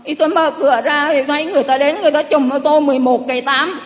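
High-voiced Southern Vietnamese woman, church testimony. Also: steady tone, very fast, in a large hall, highs cut off. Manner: rambling, repetitive storytelling with many restarts. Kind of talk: personal faith testimony to a congregation.

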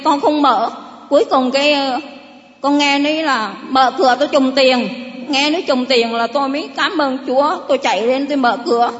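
Middle-aged woman, Southern Vietnamese accent, high voice, rambling faith testimony with restarts, dull church-hall sound. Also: fairly bright tone. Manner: rambling, repetitive storytelling with many restarts. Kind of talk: personal faith testimony to a congregation.

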